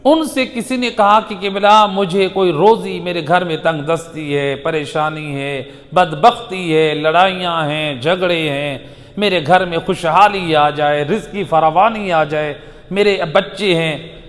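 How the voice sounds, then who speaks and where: A man preaching a majlis sermon, swinging from loud exhortation to soft chanted recitation. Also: a little high. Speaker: Shia preacher. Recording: long hall reverb.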